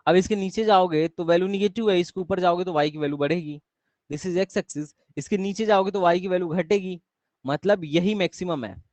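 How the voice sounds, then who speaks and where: A man's voice: sits high, brisk, a little mellow, dry recording. Young man teaching math online. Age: young adult. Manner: keeps quizzing students, repeats questions. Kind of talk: live online class lecture.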